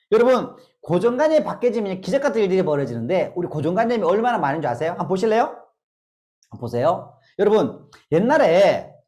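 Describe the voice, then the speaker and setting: A woman's voice: mid-range voice, mellow. A middle-aged woman leading a laughter therapy lecture, drilling the audience with call-and-response and bursts of laughter. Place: lecture hall.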